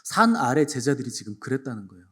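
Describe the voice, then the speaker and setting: A male pastor delivering a Sunday sermon, retelling scripture with acted-out dialogue and sudden swings from quiet to forceful. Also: mid-range voice, big pitch swings, quick pace. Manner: acts out biblical speakers in dialogue, swings between hushed and emphatic.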